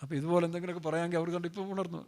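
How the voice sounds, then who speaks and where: A man's voice: sits high, level tone, rapid-fire, a little mellow. A male pastor preaching a sermon in a loose, joking way, firing off rhetorical questions and playfully acting out scripture characters.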